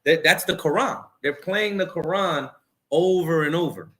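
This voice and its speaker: A man's voice: fairly high pitch, moderate pace, sharp tone. A man hosting a religious commentary stream, preaching and mocking the clips he has his co-host play.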